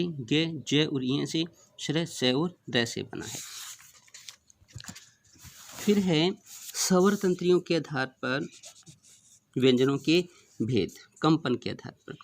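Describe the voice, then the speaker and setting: Gravelly man teaching a grammar lesson. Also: on the high side, slow, pauses often. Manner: asks questions and answers them himself; counts out and lists letters one by one. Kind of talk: classroom revision lesson.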